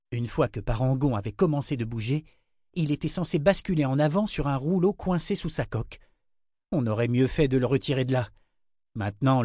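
A man reading a novel aloud in measured scripted narration. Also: medium pitch, darkish tone, no echo, clean studio sound. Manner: measured, storytelling. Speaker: audiobook narrator.

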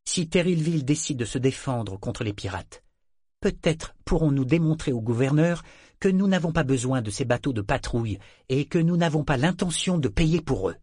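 A man's voice: fairly high pitch, lively intonation, darkish tone, slightly rough, dry recording, clean studio sound, voice pushed up. Stern old grandmother, read by a man. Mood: grave. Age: older. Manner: grave, measured. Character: stern older grandmother, family matriarch. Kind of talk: audiobook character reading.

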